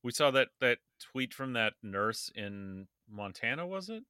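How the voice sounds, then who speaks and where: A man's voice: mid-range voice, very animated, unhurried, pushed and bright, clean tone, no room sound, clean studio sound. A man co-hosting a casual political chat podcast, blunt and profane, with a sarcastic edge. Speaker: podcast co-host.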